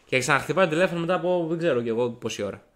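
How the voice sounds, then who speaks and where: A young man with a hoarse, gravelly voice, co-hosting a podcast and telling a rambling story with lots of restarts. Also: on the high side. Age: young adult. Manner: animated, rambling, frequent restarts and acted-out quotes. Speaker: podcast co-host. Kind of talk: casual storytelling chat.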